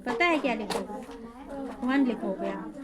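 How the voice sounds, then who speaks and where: A woman's voice: a little high, slow pace, over a noisy crowd. A woman tutoring a small child, talking in a coaxing way and repeating simple questions. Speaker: home tuition teacher.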